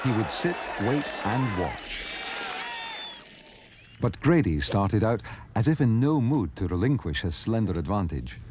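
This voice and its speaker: A man reading scripted golf documentary narration in a measured, dramatic storytelling way. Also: fairly low pitch, sing-song, a little mellow. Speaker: narrator of golf highlights film. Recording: archive soundtrack, crowd and background noise. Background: crowd noise.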